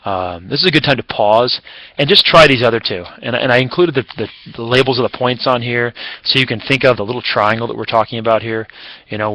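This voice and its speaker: A man's voice: fairly low pitch, sharp tone, no room sound, rough recording. A man teaching a recorded math lesson in a casual, chatty way, with fillers and self-corrections.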